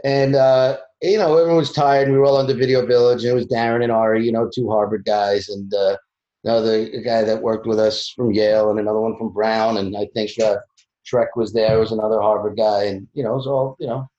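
A man speaking as an interview guest in a relaxed, halting way, with many fillers. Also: on the low side. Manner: halting, full of "you know" fillers. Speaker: film producer, interview guest. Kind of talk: casual interview conversation. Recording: roomy, dull lo-fi sound.

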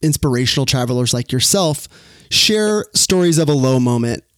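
A man hosting a podcast interview, asking questions and affirming his guest in an earnest, measured way. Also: medium pitch, expressive, a bit bright, dry recording, clean studio sound. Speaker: podcast host.

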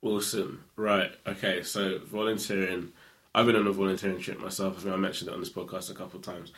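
Guy hosting a chatty podcast, kinda lowish voice, easygoing. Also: level tone, quick pace, a bit bright. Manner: easygoing, hedging. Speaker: podcast host. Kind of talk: casual chat and interviewing.

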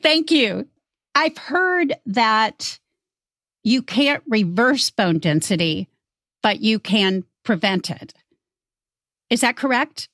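A woman hosting a podcast, encouraging her guest and asking short, clear questions. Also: fairly high pitch, animated, takes it slowly, long pauses, a bit bright, dry recording, studio quality. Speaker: podcast host. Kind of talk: interview questions.

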